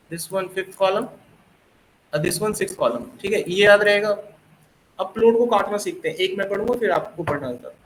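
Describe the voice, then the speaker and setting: A man with a fairly high voice teaches a coding class, switching between Hindi and English and using homely analogies. He stops often to quiz his students and praise their answers. The sound is roomy and echoey, with a faint hum underneath. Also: a bit bright. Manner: mixes Hindi with English phrases. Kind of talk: recorded classroom lecture.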